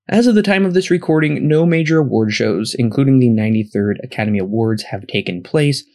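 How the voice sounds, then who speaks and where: A man's voice: on the low side, a little mellow. A man hosting a podcast, reading scripted film facts and methodically running through rankings and figures. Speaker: podcast host.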